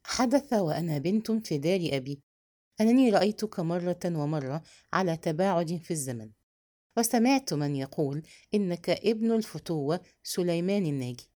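A woman voicing a proud, bold yet tender young woman, speaking softly and intimately in a storybook reading. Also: on the low side, animated, moderate pace, natural voice.

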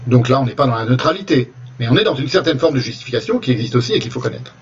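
A man delivering a spoken lecture over slides, deliberate, often restarting his phrases as he goes. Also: medium pitch, animated, vocal fry, distant mic, lo-fi sound, a little hiss or hum. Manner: deliberate, with frequent restarts and hesitations.

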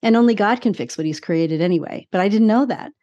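A woman's voice: mid-range voice, fast, mellow, muffled recording. Candid woman in her sixties telling her story. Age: 60s. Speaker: interview guest. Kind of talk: personal testimony in conversation.

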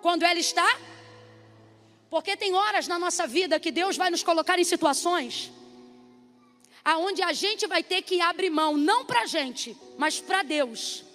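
A woman pastor with a very high voice preaches in a large church hall, her words ringing with a long reverb. She draws out key words and keeps calling for responses from the congregation. Soft music sits faintly underneath. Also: unhurried. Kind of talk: sermon.

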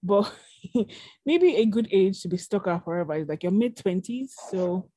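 A woman's voice: mid-range voice, animated, moderate pace, dark tone. A young adult woman co-hosting a casual podcast chat, talking in a rambling way with lots of fillers. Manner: chatty, rambling, many fillers.

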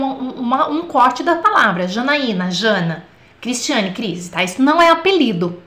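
A woman's voice: sits high, a bit bright. A woman teaching French in a live online lesson, chatty and often checking in with the viewers. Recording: roomy echo.

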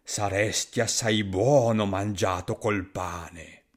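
A man voicing a big, gruff forest monster in a storybook reading, slow and rumbling.

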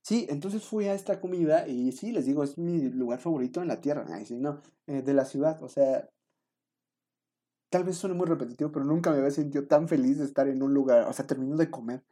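A man's voice: a little high, brisk, dark tone. A young man with a Mexican accent telling a rambling, self-mocking story to his viewers, full of fillers. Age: young adult. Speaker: vlogger.

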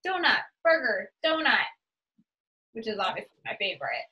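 A young woman from New England talks in an upbeat, chatty way, leaning on "like" as she answers questions. Her voice is bright and sits a little high. She sounds relaxed and conversational. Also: moderate pace, muffled recording. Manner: chatty, uses "like" a lot, upbeat. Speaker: interviewee. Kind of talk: casual conversational interview.

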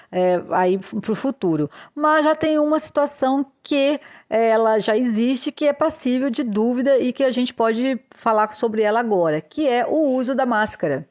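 A woman hosting a podcast, explaining labor law rules in a measured way, with frequent hesitations and restarts. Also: mid-range voice, darkish tone. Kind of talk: explanatory legal podcast talk.

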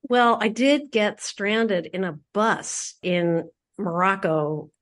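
A middle-aged woman from Philadelphia, a public radio host being interviewed, talking in an earthy, candid, lively way. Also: mid-range voice, slow. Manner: earthy, animated, self-deprecating. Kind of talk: casual interview chat.

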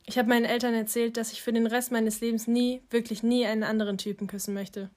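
Blunt, teasing teen boy in an audiobook, a woman reading him, slightly high voice. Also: little pitch movement, quick pace, darkish tone, lightly acted. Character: sharp-tongued teenage boy, moody friend. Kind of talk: audiobook dialogue.

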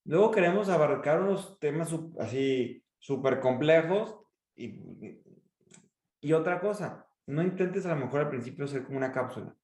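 Mexican male speaking coach, expressive and a little higher-pitched, giving advice with live demos; echoey room. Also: normal speed. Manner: expressive, demonstrates pitch and emphasis. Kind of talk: coaching in a podcast interview.

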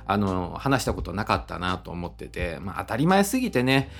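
Chatty gravelly Osaka man. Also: deep voice, sing-song, brisk. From Osaka, Japan. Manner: chatty, conversational, many fillers and tag particles. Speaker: podcast host. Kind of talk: casual solo podcast talk.

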